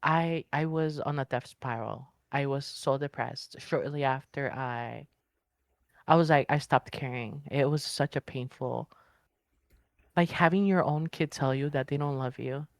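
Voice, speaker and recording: A woman's voice: extremely low pitch, a little slow, no room sound. A woman guest on a casual podcast, telling her story candidly with lots of fillers and acting out what others said. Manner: animated storyteller who acts out quoted speech; blunt and candid, with frequent filler words. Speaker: interview guest.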